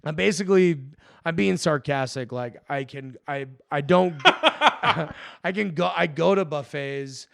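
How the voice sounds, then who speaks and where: A young man co-hosting a podcast, a little tipsy and telling rambling, profane stories with laughter. His voice sits a bit high and has a gravelly edge. The sound is close and dry. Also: lively intonation, unhurried, a bit bright, no room sound. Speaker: podcast co-host. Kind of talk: casual chat.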